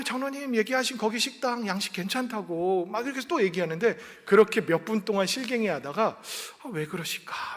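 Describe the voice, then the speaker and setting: A man's voice: sits high, fairly bright tone, big-room sound. A male pastor giving a Sunday sermon in a conversational storytelling way, acting out little dialogues. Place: church sanctuary.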